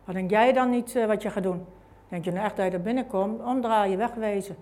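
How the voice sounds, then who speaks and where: A woman voicing the devil as it whispers doubts into her thoughts in a low, sneering tone. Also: a little fast, natural voice. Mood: taunting. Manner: hushed, taunting.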